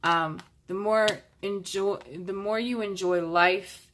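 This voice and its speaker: A woman's voice: medium pitch, fairly even intonation, slow, fairly bright tone, a little hiss or hum. A young woman reading tarot cards to camera in a casual, chatty way, with lots of fillers and rambling asides. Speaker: tarot reader.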